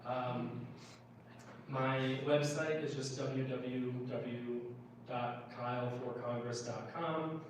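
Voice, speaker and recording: Captured by a far mic in a noisy, echo-filled indoor meeting room, a Minnesotan political candidate in middle age fields questions at an informal town meeting. He explains things in an even pitch, stopping often with hesitant pauses, and the very reverberant recording carries clear background noise.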